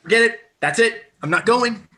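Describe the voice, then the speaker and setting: A man's voice: on the high side, animated, moderate pace, fairly bright tone. A man reading a whiny, fretful teenage boy in an unrehearsed script read-through. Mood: frantic.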